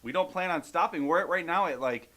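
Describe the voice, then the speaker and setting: A man's voice: on the high side, fast, sharp tone. A man co-hosting a podcast, reading out viewer questions and answering them in a loose, casual chat that has plenty of swearing. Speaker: podcast co-host.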